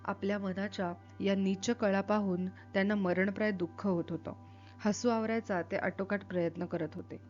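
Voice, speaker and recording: A woman reading a literary novel aloud, narrating in a measured, steady way. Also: medium pitch. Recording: dull lo-fi with faint music.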